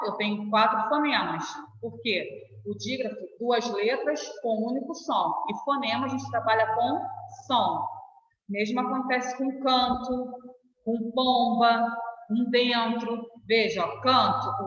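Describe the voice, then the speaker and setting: Brazilian woman teacher, patient, slow on examples; distant mic, roomy, muffled. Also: on the high side, fairly bright tone. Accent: Brazilian Portuguese. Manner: patient, stretches out example words and checks in with "tá?". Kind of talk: online classroom lesson. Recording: echoey room, voice from far off, dull lo-fi sound.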